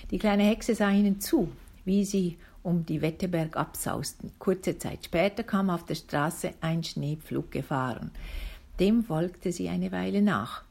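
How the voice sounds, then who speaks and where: A woman calmly reading a children's book aloud, slowly and deliberately. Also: fairly low pitch, vocal fry, husky. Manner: slow, calm, deliberate reading. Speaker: reader.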